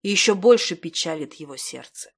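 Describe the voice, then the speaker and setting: A woman reading fantasy narration for an audiobook in a calm, measured way. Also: fairly low pitch, breathy edge. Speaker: audiobook reader. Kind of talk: scripted narration.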